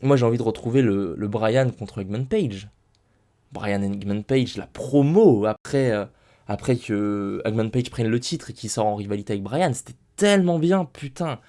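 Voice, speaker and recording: His voice is fairly low and dark, delivered at a moderate pace. The young man records a laid-back wrestling show recap at home on a desk mic, ranting forcefully and restating what he says.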